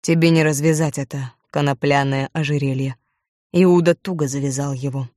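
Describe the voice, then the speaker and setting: A woman voicing a stern man, speaking in a low, grave, condemning tone. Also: fairly even intonation, moderate pace, warm tone, dry recording, studio quality. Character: stern man, harsh and accusing.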